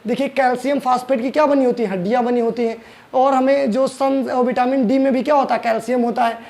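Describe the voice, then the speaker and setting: Male science tutor, very high, gravelly voice; quizzes his students and answers himself. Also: fairly even intonation, fast talker, a little mellow. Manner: asks the class questions and answers them himself; explains step by step, repeating key terms. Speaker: teacher. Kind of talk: exam-prep science lesson.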